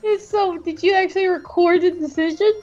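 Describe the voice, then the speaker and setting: A woman's voice: extremely high pitch, fairly even intonation, brisk, a little mellow, dull audio, soft background music. A woman co-hosting a casual let's-play who jokes playfully. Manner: playful, joking. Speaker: co-host.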